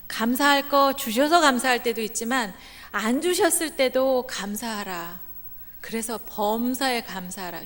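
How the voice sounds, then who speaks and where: A middle-aged woman giving a lively storytelling sermon at a church meeting, acting out the voices of the people in her stories. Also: fairly high pitch. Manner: animated, acts out quoted voices, laughs at own jokes. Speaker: guest speaker at a church revival meeting. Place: church sanctuary. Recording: reverberant church hall.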